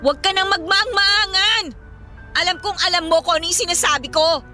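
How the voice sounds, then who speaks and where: A woman acting in a radio drama as a tipsy, hurt and angry young woman who throws sharp, accusing retorts. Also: very high voice, fairly quick, faint music behind.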